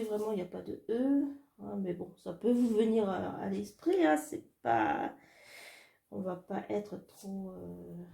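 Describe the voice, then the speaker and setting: Soft-spoken hesitant woman from France, slow gravelly delivery, echoey room; casual solo chat. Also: mid-range voice. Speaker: illustrator doing card and dice draws. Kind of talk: casual solo video, thinking aloud.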